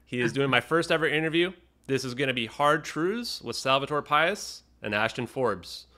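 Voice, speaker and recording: A young man hosting a live-streamed interview over a video call, upbeat and quick, with brief affirmations. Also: medium pitch, animated, sharp tone. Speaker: podcast host. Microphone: headset on video call.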